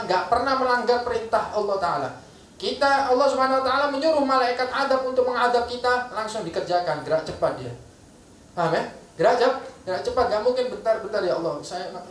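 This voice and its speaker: A man's voice: high-pitched, slight background noise. A man preaching a sermon, emphatic and repetitive, often checking that the listeners understand. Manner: emphatic, repeats key phrases, asks the crowd "paham ya?". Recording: roomy echo, distant mic, faint ambience.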